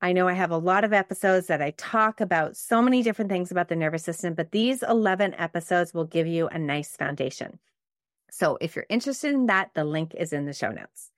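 A middle-aged woman from Canada hosts a podcast, talking in a chatty, warm and reflective way. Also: fairly low pitch, expressive, fairly quick, dry recording, studio quality. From Montreal, Canada. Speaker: podcast host. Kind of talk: casual solo podcast talk.

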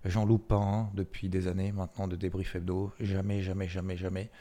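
Hosting a weekly market recap, a man talks briskly in a low, warm voice with little pitch movement. He keeps it loose and chatty, filling the talk with fillers, restarts and repeated words.

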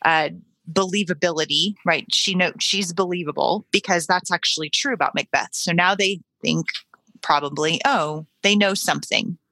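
A woman co-host talks eagerly and excitedly about a play. Her voice is low-pitched yet forceful and bright, and it is recorded close and dry. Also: normal speed, no room sound. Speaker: podcast co-host. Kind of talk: casual literary discussion.

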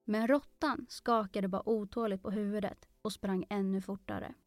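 A woman reading a children's story aloud, narrating calmly and gently. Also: medium pitch, faint music behind.

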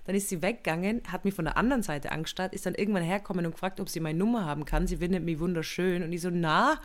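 A woman's voice: fairly low pitch, rapid-fire. A woman, co-hosting a casual chat podcast and telling stories animatedly, acting out what people said. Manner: animated storyteller, acts out quotes. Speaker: podcast co-host.

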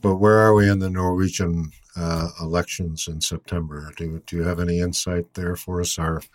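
A male host with a very deep voice speaks in an unhurried way, hesitating often and leaning on fillers. The sound is close and dry. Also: flat delivery, no echo. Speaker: interview host. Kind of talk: conversational interview.

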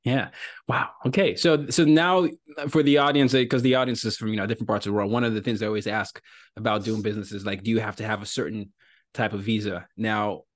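A man from Nigeria hosting an interview podcast, talking in an animated, conversational way. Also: lowish voice, fast talker, no echo, clean studio sound. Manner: animated, conversational, with frequent fillers. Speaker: podcast host.

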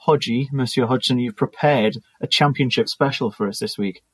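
A man's voice: medium pitch, moderate pace, husky, no room sound. A man joking bluntly and swearing freely while co-hosting a casual football podcast. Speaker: podcast co-host.

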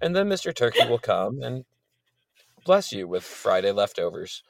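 A man's voice: fairly low pitch, very animated, moderate pace, gravelly, no echo, studio quality. A man hosting a podcast in casual chat, playful and jokey, a bit loopy from staying up late. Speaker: podcast host.

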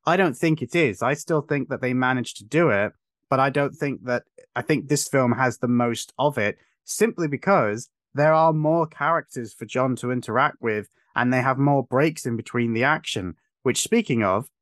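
A man's voice: medium pitch, moderate pace, no echo, studio quality. A man hosting a podcast, giving long, emphatic, opinionated explanations in casual chat. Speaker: podcast host.

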